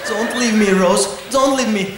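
Guy doing a corny movie hero, slow and tender, super echoey noisy stage. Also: sits high, close to an everyday voice. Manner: slow, mock-tender declarations. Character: devoted romantic film hero Jack, young man.

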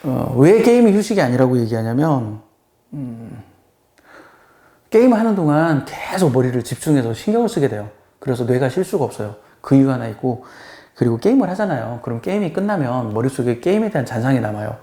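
A man's voice: mid-range voice, brisk. A man teaching as a math tutor in a conversational lecture, acting out the people he quotes. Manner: lively, acts out quoted people. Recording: echoey room.

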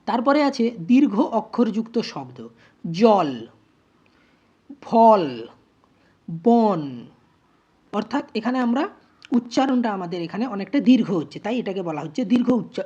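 A woman teacher explaining grammar, spelling out words slowly syllable by syllable. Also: medium pitch, big pitch swings, warm tone, slightly rough, highs cut off. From West Bengal, India. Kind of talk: grammar lesson.

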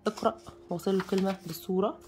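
Egyptian woman, quick and chatty book reviewer, enthusiastic, filler-heavy. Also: medium pitch, steady tone, a little mellow, faint music behind. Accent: Egyptian Arabic. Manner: chatty, enthusiastic, many fillers, lists contents aloud. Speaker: bookshop presenter reviewing a children's book. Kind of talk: casual book review while leafing through pages.

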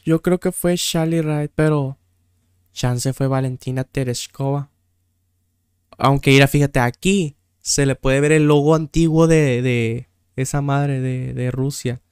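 A man's voice: medium pitch, darkish tone, clean tone, no echo, studio quality. A young Mexican man streaming a quiz game, thinking aloud, swearing freely and easily exasperated. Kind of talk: casual gameplay commentary.

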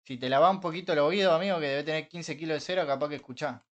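A young man with an Argentine Rioplatense accent, chatting casually with his live-stream viewers while gaming, joking, swearing and breaking into frustrated shouts. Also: a little high, fast talker. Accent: Argentine Rioplatense Spanish. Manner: banters with chat, swears, bursts into frustrated shouts.

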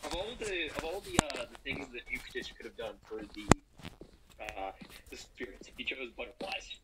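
A man's voice: medium pitch, lively intonation, normal speed, very noisy. A man bantering casually while playing a game with a friend, making wry jokes. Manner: joking, wry asides. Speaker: gaming co-commentator. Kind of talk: casual let's-play banter.

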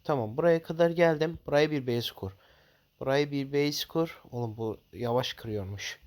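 A man giving casual gameplay commentary to his viewers, jittery and quick to swear in sudden loud outbursts. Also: mid-range voice. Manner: talks straight to viewers as "guys". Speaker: gaming channel host.

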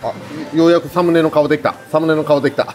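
A man's voice: on the high side, fairly even intonation, fast, darkish tone, faint music behind. A man with a Kansai accent chatting casually and banteringly over a meal as a food video co-host, often breaking into laughter. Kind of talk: casual chat while eating ramen.

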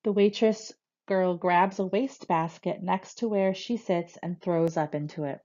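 A woman reading a first-person novel aloud with steady, expressive storytelling. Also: on the low side, unhurried, muffled recording. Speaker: reader.

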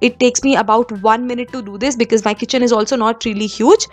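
A woman's voice: a little high, steady tone, fast, faint music behind. A young woman from India giving kitchen cleaning tips in a conversational voice-over, with frequent fillers and restarts. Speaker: home vlogger.

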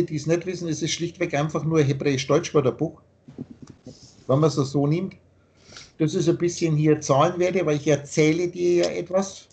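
A man's voice: on the high side, a little mellow. A man explaining his teaching in a long, earnest monologue, often repeating himself, over a video call. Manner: repetitive, earnest, lecturing.

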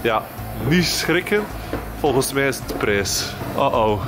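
Man, lively varied pitch, casual vlog commentary, loud music behind. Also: a little slow. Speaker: vlogger filming a hide-and-seek game. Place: large industrial hall indoors.

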